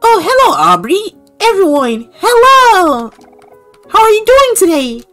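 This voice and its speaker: A woman's voice: very high voice, very animated, measured pace, a bit bright, soft background music, voice pushed up, heavily acted. A woman voicing a cheerful, caring older-sister girl in a game, bubbly and teasing. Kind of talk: playful game character voicing.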